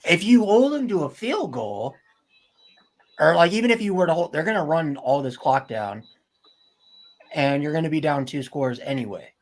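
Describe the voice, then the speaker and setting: An excitable man in his twenties talks college football with friends. He swears freely and is quick to argue his point. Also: fairly high pitch, poor audio. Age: 20s. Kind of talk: casual sports chat.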